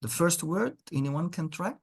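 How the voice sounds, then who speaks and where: Male English teacher, expressive and husky. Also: on the high side. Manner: deliberate, repeats words for learners, encouraging. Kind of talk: interactive pronunciation lesson.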